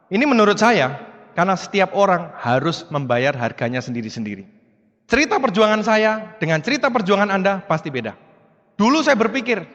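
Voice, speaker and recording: A man with a fairly high voice delivers an animated motivational talk, calling out to his audience again and again. His voice rings through a large hall with a long reverb. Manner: animated, repeatedly addresses the audience as "Bapak Ibu". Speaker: motivational speaker.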